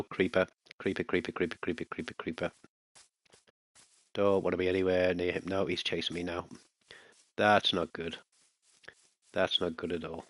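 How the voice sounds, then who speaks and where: A man with a low, fairly bright voice, recorded dry, provides casual let's-play commentary for his gaming channel. Playing a survival game, he chats and mutters to himself and reacts with alarmed bursts when enemies appear.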